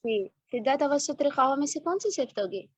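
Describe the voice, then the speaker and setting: A woman teaching Quran recitation online, drawing verses out slowly for repetition, then correcting and praising briskly. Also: sits high, expressive, noisy background. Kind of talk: online tajweed lesson, call and repeat.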